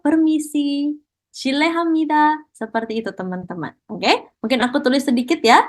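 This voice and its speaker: A woman teaching Korean in an online class, encouraging students and mixing Korean praise into her explanations. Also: high voice.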